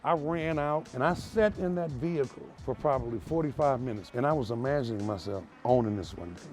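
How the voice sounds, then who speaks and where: Music plays behind this laughing American man in his sixties, a homeowner interviewee who tells stories casually on a tour of his house. His voice is mid-range and fairly quick, and he's animated as he talks.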